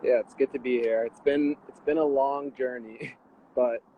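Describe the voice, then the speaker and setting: Even-toned young man on a tinny call. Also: medium pitch, normal speed, a little hiss or hum. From Washington D.C. area, USA. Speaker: guest athlete. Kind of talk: casual interview answers. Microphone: video call. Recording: tinny phone-like video call audio.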